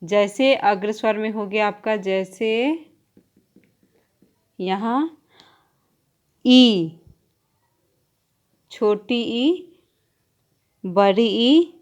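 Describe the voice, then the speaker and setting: A woman's voice: medium pitch, extremely slow, pauses often, darkish tone. A woman teacher giving an exam-prep grammar lesson, explaining step by step and drawing out example sounds while writing on a board.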